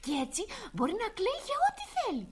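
A lively, high-voiced little girl. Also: over a noisy crowd, exaggerated voice. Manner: high, lively, sing-song and childlike. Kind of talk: children's show acting. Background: music.

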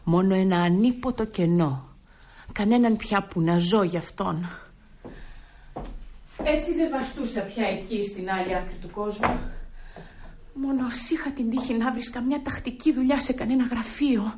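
An actress playing Christina, a weary widow worn down by years of hard work, in a radio play, speaking in a tired, earnest, measured way. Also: female voice, on the high side, noisy background, natural voice.

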